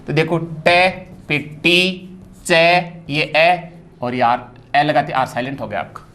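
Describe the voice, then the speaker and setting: A man's voice: fairly high pitch, slow pace, sharp tone. Hindi-accented male teacher explaining phonetics. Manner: explanatory, repeats "dekhiye" often. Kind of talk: exam-prep phonetics lesson.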